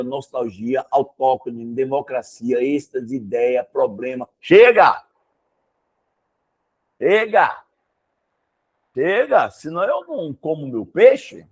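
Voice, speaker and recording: A man with a Brazilian Portuguese accent teaching one student over a video call, talking emphatically and asking rhetorical questions. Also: mid-range voice. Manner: emphatic and animated, exclaims and asks rhetorical questions. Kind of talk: casual one-on-one lesson.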